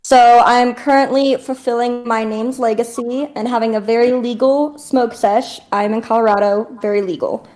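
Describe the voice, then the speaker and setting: A woman's voice: on the high side, fairly even intonation, moderate pace, hardly any pauses, darkish tone. A woman co-hosting a casual podcast, speaking in a wry, candid way. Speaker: podcast co-host.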